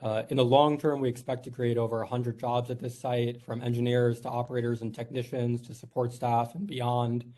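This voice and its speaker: Earnest man, mellow voice. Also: medium pitch, level tone, fairly quick, few pauses. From New York. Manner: earnest, filler-heavy, polite. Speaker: company executive presenting. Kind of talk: formal presentation at a board meeting.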